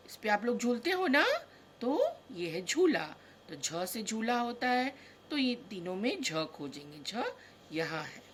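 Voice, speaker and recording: A woman's voice: medium pitch, slight background noise. A woman teaching a kindergarten class, walking young children through a worksheet in a patient, sing-song way and stressing each letter. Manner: talks straight to the children.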